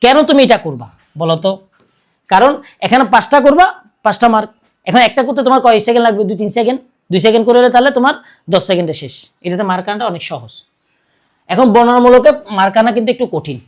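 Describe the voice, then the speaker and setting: A man's voice: very high voice, animated, quick pace. A young man giving an informal exam-prep lesson, often asking his own questions and answering them to coax students along.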